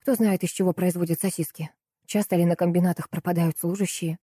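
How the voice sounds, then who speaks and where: Mellow woman narrating an audiobook. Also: lowish voice, steady tone, fairly quick, slightly rough, dry recording, studio quality. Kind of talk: first-person audiobook narration.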